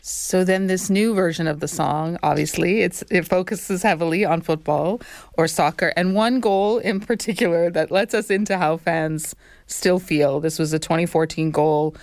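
A woman hosts a radio interview, asking questions in a friendly manner. Her voice is lower than most women's and sounds dry and close. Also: moderate pace, darkish tone, dry recording. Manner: friendly, laughs along with guests.

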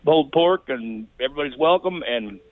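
A man's voice: mid-range voice, expressive, brisk, no room sound. A man calling in to a radio show, cheerful and rambling, heard over a phone line. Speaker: caller. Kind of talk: casual phone call.

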